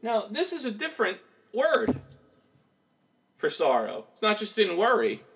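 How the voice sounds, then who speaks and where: A man's voice: high-pitched, wildly swooping pitch, unhurried, fairly bright tone, a little hiss or hum, low-quality recording. A man preaching a sermon in a conversational way, asking rhetorical questions as he goes.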